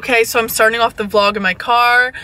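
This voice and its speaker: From inside a car, a young woman vlogs into a handheld camera held at arm's length, chatting casually and saying "like" a lot. Her voice is a little high, steady, and brisk, with loud music playing behind it.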